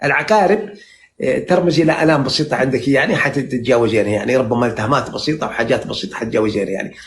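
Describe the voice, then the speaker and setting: A man in his sixties from central Saudi Arabia with a Najdi accent, interpreting dreams in a rambling, flattering live chat full of fillers and restarts. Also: mid-range voice, rapid-fire. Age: 60s. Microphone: phone on a live stream.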